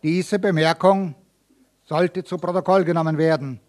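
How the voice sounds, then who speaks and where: A court assessor speaks in a formal, measured way, making a point for the record. A man reading a story aloud gives him a slightly raised, official voice. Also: a little high, fairly even intonation, a little mellow, lightly acted. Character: formal male court assessor acting as defender.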